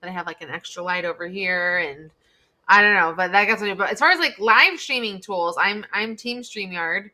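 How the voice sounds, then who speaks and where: Speaking into a USB desk microphone from her home office, a US woman appears as a guest social media consultant on a casual live stream. She rambles, restarting often and leaning on fillers, in a medium-pitched, bright, forceful voice at a moderate pace.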